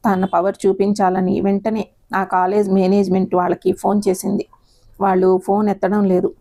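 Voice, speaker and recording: A woman narrating a moral audio story in a steady, expressive storytelling manner. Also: mid-range voice.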